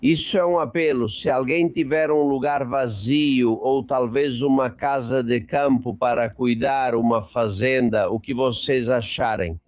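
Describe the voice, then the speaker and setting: A man's voice: mid-range voice, a little slow, hardly any pauses, darkish tone, no echo, faint music behind. A man hosting a political talk show, reading out a listener's message and making an indignant appeal to his audience. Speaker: host.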